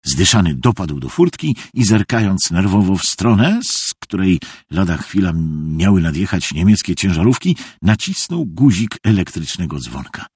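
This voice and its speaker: Husky, expressive male storyteller. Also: deep voice, moderate pace, dry recording, studio quality. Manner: expressive storytelling, acts out the scenes. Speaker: narrator. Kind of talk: scripted audiobook narration.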